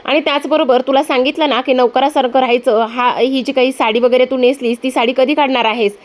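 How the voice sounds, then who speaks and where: A stern, scolding middle-aged aunt from a TV serial recap, voiced by a woman retelling the episode. She lays out accusations in a high voice. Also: steady tone, brisk, lightly acted.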